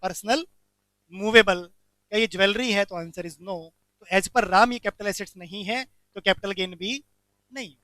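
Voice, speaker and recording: A man teaching a commerce lecture, animated, asking the class questions and answering them himself. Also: sits high, moderate pace, no room sound.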